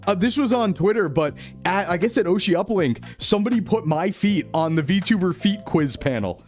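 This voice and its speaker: A playful male streamer riffing with his chat, his voice bouncing up and down in lively swings and sitting a little above the usual male register. He jokes and laughs easily, captured as livestream headset mic audio with soft music underneath. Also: high voice, moderate pace. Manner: playful, jokey, laughing often. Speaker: VTuber streamer. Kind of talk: casual livestream chat with viewers.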